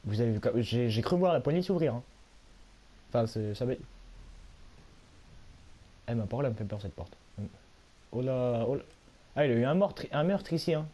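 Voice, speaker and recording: A hoarse young man, a little sick, giving rambling, self-mocking commentary while he plays a video game at home. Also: medium pitch, expressive, brisk, pauses often, mellow. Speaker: gaming YouTuber. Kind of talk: casual let's-play commentary.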